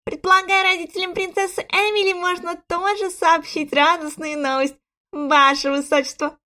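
A woman voicing an indignant court lady who speaks sharply and squeakily in an audiobook. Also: measured pace, sharp tone. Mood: sarcastic.

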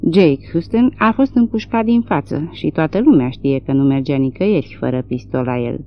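A woman voicing a rough, hurried country man. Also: low voice, highs cut off.

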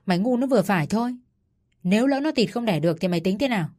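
A woman voicing a furious old mother-in-law who shouts coarse insults, with soft music behind. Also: mid-range voice, lively intonation, very fast, close to an everyday voice. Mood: furious scolding.

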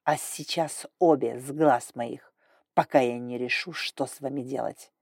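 A woman's voice: extremely low pitch, fairly even intonation, measured pace, darkish tone, breathy edge, dry recording, studio quality, pitched below the performer's own voice, full character voice. A woman reading an audiobook, voicing a stern, domineering male dragon lord with an icy, growling manner. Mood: cold fury.

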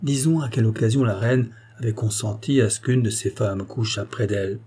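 A man narrating a classic novel as an audiobook, reading in a measured, solemn way. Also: on the low side, mellow, husky.

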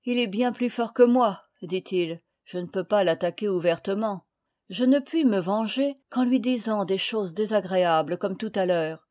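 A woman's voice: mid-range voice, normal speed, darkish tone, natural voice. A woman reading aloud, voicing a jealous, spiteful boy who sneers at his rival in a storybook. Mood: scornful. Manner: spiteful and scornful.

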